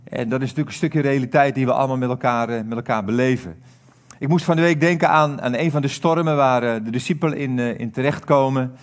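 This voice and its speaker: A man's voice: medium pitch, fast. A man giving a sermon as a pastor, talking earnestly with frequent hesitations and fillers.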